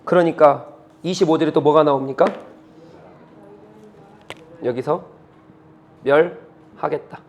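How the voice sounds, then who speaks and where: A middle-aged male pastor preaching a sermon, reading scripture slowly and asking the congregation one rhetorical question after another. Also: a little high, creaky. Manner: reads scripture slowly, then explains.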